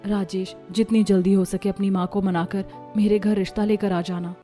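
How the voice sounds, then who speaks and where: A woman voicing a timid young woman in love, speaking softly and with worry, in a cartoon story. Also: medium pitch, little pitch movement, moderate pace, soft background music, lightly acted. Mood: worried. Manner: soft, worried and hushed.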